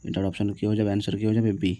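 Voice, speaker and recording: A man with a low, mellow voice goes through exam answers question by question. He reads each question, gives the answer, and keeps asking whether it is clear. His tone stays flat and even, and the sound is dry and close. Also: rapid-fire, dry recording. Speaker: teacher.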